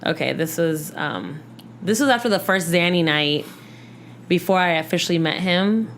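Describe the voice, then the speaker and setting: Animated woman telling a dating story. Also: lowish voice, normal speed, slight background noise. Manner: animated, acts out quotes, lots of "like". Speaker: podcast guest. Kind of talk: casual storytelling chat. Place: podcast studio.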